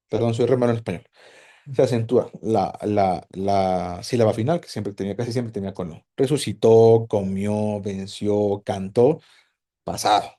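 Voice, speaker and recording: A man teaching a Bible class, animated and quizzing his students with lots of questions. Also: medium pitch. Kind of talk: casual teaching to a group.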